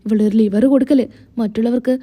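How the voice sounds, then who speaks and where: A woman's voice: a little high, fairly even intonation, brisk, mellow, close to an everyday voice. A woman reading a petty, jealous young schemer. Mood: grumbling. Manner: sulky, grumbling.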